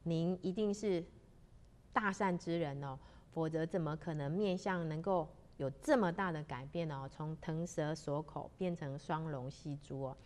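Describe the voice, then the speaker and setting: A woman's voice: low voice, moderate pace, a little mellow, close to an everyday voice. Woman playing a deferential male fortune teller. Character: deferential male face reader.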